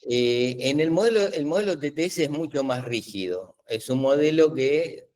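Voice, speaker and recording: A man's voice: a little high, expressive, normal speed, a little mellow. A middle-aged man, hosting a live webinar Q&A and explaining patiently with many fillers and restarts. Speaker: webinar host explaining AI tools.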